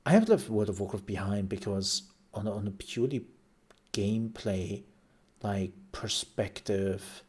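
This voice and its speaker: A man's voice: on the low side, animated, a little slow, a little mellow, breathy edge. A man streaming live and chatting casually as he reacts, rambling and thinking aloud with repeated phrases, his voice worn out from a long day of talking.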